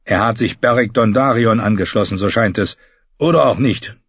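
Give me a contemptuous, commanding lord from a storybook, as a narrator puts him on, cutting and scornful in every line. The voice is husky and is heard in a dry, slightly muffled recording. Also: male voice, on the low side, moderate pace, a bit bright. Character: harsh scornful older male lord, contemptuous.

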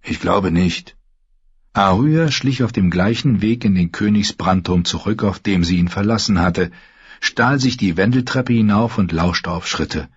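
A man narrating a story in a calm, measured storytelling manner. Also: fairly low pitch, breathy edge, no room sound. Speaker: audiobook narrator. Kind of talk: scripted narration. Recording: dull lo-fi recording.

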